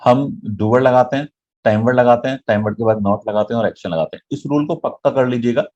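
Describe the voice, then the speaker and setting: A man's voice: mid-range voice, fast talker, darkish tone, highs cut off. A man teaching an online English grammar lesson, explaining in Hindi mixed with English and often checking "right?" with his viewers.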